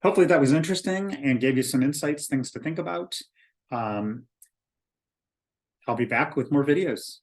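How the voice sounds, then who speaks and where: A man who is an author and spiritual teacher, explaining in an informal spoken lecture with an earnest tone, often pausing with ums and restarting his sentences. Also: medium pitch, darkish tone. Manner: hesitant, with frequent ums and restarts.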